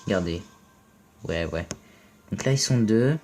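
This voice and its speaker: Excitable French gamer with a low voice. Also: male voice, measured pace, faint music behind. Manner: playful, excitable, yells and swears at teammates. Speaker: gaming video commentator. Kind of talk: casual gameplay commentary.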